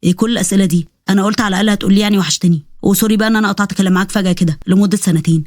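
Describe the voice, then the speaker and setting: A woman's voice: mid-range voice, fairly even intonation, rapid-fire, darkish tone, no room sound, studio quality, voice pushed down, natural voice. A woman voicing a cocky, teasing young male college student with an Egyptian accent, speaking in a smug drawl.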